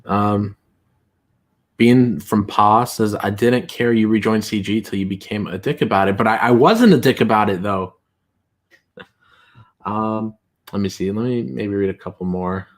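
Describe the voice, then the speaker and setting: A man hosting a casual livestream, reading chat aloud in a rambling, halting way with many fillers. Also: fairly low pitch.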